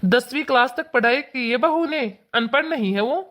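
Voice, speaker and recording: A woman voicing an easygoing older father-in-law in an animated cartoon. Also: high-pitched, normal speed. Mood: chiding. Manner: calm, teasing.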